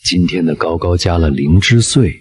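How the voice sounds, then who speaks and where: A man voicing a kindly old grandfather who bakes flatbread, in plain, homely speech. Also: sits low, normal speed, breathy edge. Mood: fond.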